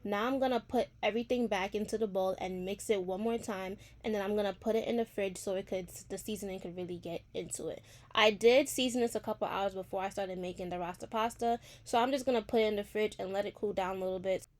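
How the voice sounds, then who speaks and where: A woman's voice: mid-range voice, fast, a little mellow. Chatty teenage girl narrating her cooking. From New York. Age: late teens. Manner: chatty, repeats words for emphasis, addresses viewers. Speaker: home cook vlogger. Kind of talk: casual cooking voice-over.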